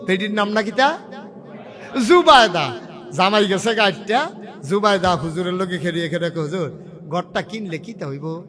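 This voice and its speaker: High-voiced preacher with a lilt. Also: male voice, fairly bright tone. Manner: scolds and jokes with the crowd, storytelling. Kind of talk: humorous Islamic sermon.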